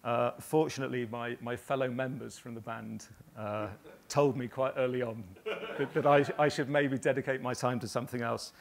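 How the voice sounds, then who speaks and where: A man in his fifties from northern England spins loose, halting anecdotes to a live audience, pausing often mid-sentence. His voice has a gravelly edge and sits at a middling pitch. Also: steady tone, slight background noise. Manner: rambling anecdotal storytelling with many ums. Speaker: graphic designer giving a talk.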